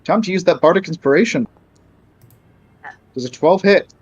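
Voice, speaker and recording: A man's voice: high-pitched, expressive, moderate pace, slightly rough, no room sound. Hesitant man on a dull, dry mic. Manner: hesitant, many fillers. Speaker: player. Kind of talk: casual tabletop game play.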